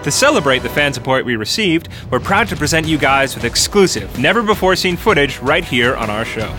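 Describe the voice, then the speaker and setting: Young man, podcast co-host, lively up-and-down pitch, goofy sing-song delivery, music behind. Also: a little fast. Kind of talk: playful gaming podcast banter.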